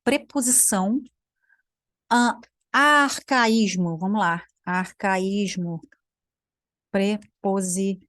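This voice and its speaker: A woman's voice: mid-range voice, slow pace, pauses often, fairly bright tone, no echo, clean studio sound. A young Brazilian woman, a language teacher, giving sarcastic reaction commentary while thinking aloud and trailing off into mutters. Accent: Brazilian Portuguese.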